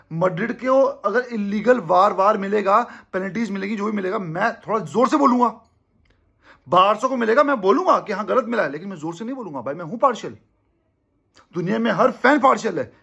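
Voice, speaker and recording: Give me a young Indian man with a slightly high, breathy voice hosting a fan channel, talking emphatically and casually. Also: brisk, a bit bright. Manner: emphatic, keeps calling listeners brother. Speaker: football fan channel host. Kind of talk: casual opinion monologue to viewers.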